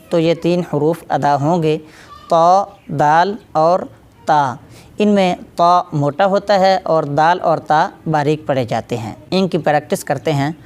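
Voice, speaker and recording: A woman's voice: on the low side, darkish tone. A woman teaching Quran recitation, patiently explaining step by step and drilling syllables aloud. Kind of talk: tajweed pronunciation lesson.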